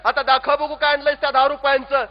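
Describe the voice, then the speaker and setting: A man voicing a poor, loving village mother who asks her son gentle questions, on a dull lo-fi recording. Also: very high voice, flat delivery, fast talker, in a large hall. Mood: tender. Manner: tender, fussing questions.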